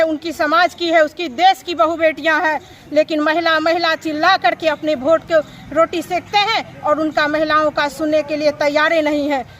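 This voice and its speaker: A woman's voice: extremely high pitch, fairly bright tone. A woman from Bihar giving an impassioned protest speech in the street, full of indignant rhetorical questions. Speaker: protesting anganwadi worker.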